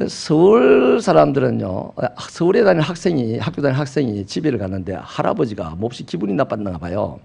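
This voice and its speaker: A middle-aged male pastor, preaching a sermon with animated storytelling. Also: medium pitch, creaky, breathy edge. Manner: animated storytelling with acted quotes.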